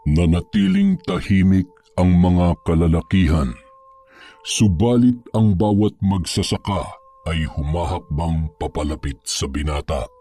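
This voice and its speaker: Deep, dark-voiced male horror narrator. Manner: measured, suspenseful storytelling. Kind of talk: scripted horror story narration.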